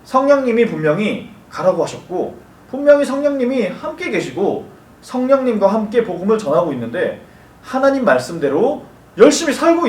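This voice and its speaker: A man gives a lively children's sermon, asking questions and tossing in playful asides. His voice sits high and swings widely in pitch. He sounds distant from the mic, in a roomy, echoing church space. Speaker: children's ministry preacher. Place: church worship room. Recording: roomy echo from far off the mic.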